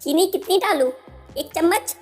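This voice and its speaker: A woman voicing a young newlywed daughter-in-law, polite and quietly sly, asking one question after another. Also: very high-pitched, moderate pace. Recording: soft music underneath.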